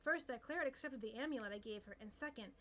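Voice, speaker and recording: Woman reading a novel aloud, high voice, bright and lively, expressive narration. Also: quick pace, slight background noise. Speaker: reader and channel host.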